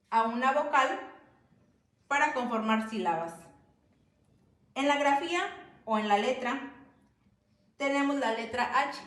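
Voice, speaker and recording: A woman explaining a lesson slowly and carefully, stressing the example sounds. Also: high voice, reverberant. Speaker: student presenter. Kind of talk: educational explanation.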